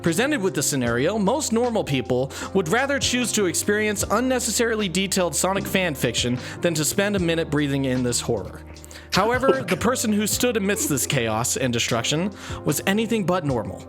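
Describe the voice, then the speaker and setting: A man narrating a comedic story for friends, playful and quick to laugh at his own lines. His voice sits a bit high and bounces around in pitch, with faint music in the background. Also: very animated.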